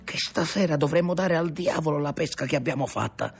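A man's voice: a little high, fairly quick, creaky, breathy edge, voice pushed up. Reader voicing a bold young fisherman, urgent and impatient, over faint music. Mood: uneasy.

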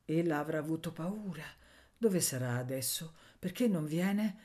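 A woman's voice: low-pitched, animated, moderate pace, dark tone. A woman reading a novel aloud, voicing a frightened abandoned little boy who asks anguished, pleading questions. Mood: fearful.

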